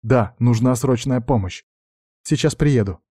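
A man doing a brisk businesslike woman. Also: mid-range voice, warm tone, slightly rough, dry recording, studio quality. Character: businesslike older female adept, brisk.

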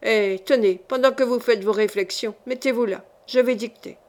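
A stubborn old marquis, as a woman reader puts him on, blustering and imperious. The voice sits fairly high, with orders barked out in an audiobook reading. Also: normal speed, a little mellow, natural voice.

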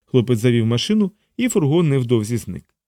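A man reading a novel aloud in steady scripted narration. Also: medium pitch, fairly quick, no room sound, studio quality. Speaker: audiobook narrator.

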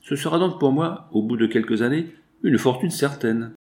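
A man's voice: mid-range voice, normal speed, darkish tone, pitched above the performer's own voice, lightly acted. A man reading aloud and voicing a polite, earnest young man.

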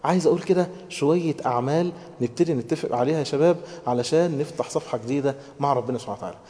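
A male preacher with an Egyptian Arabic accent, his voice a little high and warm in tone. He moves between loud, stressed lines and soft, tender ones, and slowly chants the prayers he quotes. The sound rings out with a long reverb, as in a large hall. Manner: swings between loud emphasis and hushed, tender phrases. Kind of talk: sermon to young people.

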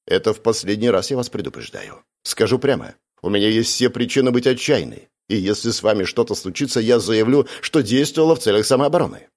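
A man's voice: fairly low pitch, big pitch swings, fast talker, hardly any pauses, a little mellow. A man voicing a cold, stern young woman. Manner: cold, clipped questioning.

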